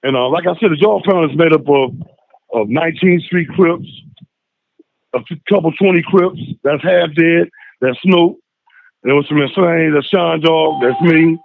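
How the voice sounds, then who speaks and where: A man phones in to tell a long story in loose, casual talk, slipping into the voices of the people he describes. His voice sits high and carries a gravelly rasp. It comes through a thin, dry phone line. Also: normal speed, dry recording. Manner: animated, acts out voices in his stories. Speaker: phone-in guest.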